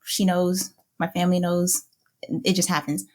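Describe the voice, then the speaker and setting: A woman's voice: lowish voice, level tone, normal speed. Chatty teasing young woman co-host. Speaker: podcast co-host. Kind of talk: casual chat.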